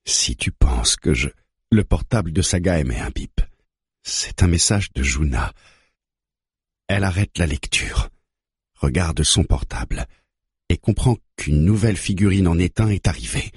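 A man narrating an audiobook in a steady, measured reading. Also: low-pitched, slightly rough, no room sound, clean studio sound.

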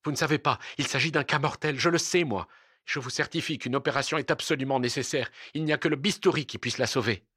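A man's voice: mid-range voice, expressive, fairly quick, sharp tone, breathy edge, no echo, studio quality. A man reading aloud and voicing an agitated, frantic husband who pleads and insists. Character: agitated frantic Turkish husband, middle-aged.

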